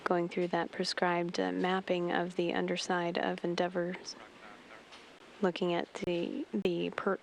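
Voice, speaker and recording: A woman giving measured, formal live spaceflight commentary as a mission control announcer. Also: on the low side, monotone, gravelly, low-quality recording. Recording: faint noise on broadcast feed.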